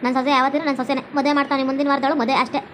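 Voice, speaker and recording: A woman's voice: high voice, little pitch movement, rapid-fire, a little hiss or hum, natural voice. A woman voicing a commanding, scolding middle-aged mother-in-law. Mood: bossy.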